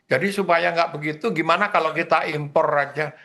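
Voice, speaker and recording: A man's voice: a little high, steady tone, a little fast, vocal fry, bright, forceful tone. A man, a professor guest, phoning in to a news panel over a phone line that keeps breaking up and cutting out. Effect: phone line breaking up, choppy and cutting out. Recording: distant, choppy phone line.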